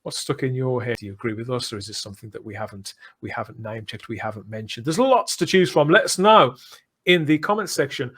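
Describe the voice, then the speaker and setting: This male podcast host has a medium-pitched, slightly rough, fairly bright voice that is expressive and quick. His enthusiastic chat and sign-off are full of effusive, theatrical phrasing.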